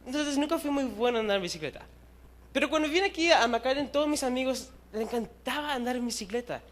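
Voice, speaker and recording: Speaking very fast with lively, slightly bright intonation and a very high pitch, a young Chilean man in his twenties delivers a casual storytelling sermon to a youth group in a church hall. He pokes fun at himself and drops English words into his talk.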